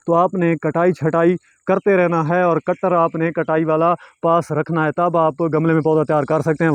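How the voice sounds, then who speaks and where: A man hosting a plant nursery vlog, patiently explaining pruning step by step, with frequent drawn-out "eh" fillers. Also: a little high, a little mellow. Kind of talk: instructional gardening demonstration.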